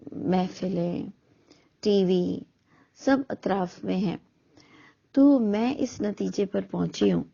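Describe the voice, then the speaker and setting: A woman's voice: fairly low pitch, vocal fry, mellow, breathy edge. A middle-aged woman giving an earnest, argumentative monologue full of rhetorical questions. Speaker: speaker on religious questions. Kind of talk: reflective monologue. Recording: dull lo-fi recording.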